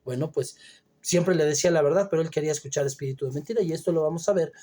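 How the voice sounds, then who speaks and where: Guy preaching a bible lesson, kinda high voice but warm and soft, lots of um's and pauses. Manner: reads scripture aloud then explains it, hesitant fillers. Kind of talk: Bible teaching sermon.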